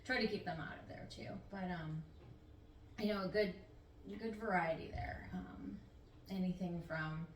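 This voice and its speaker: A middle-aged nurse practitioner answers interview questions in an easygoing, talkative manner that meanders slightly. Her voice is on the low side at a measured pace, picked up by a distant mic in a roomy space with faint noise.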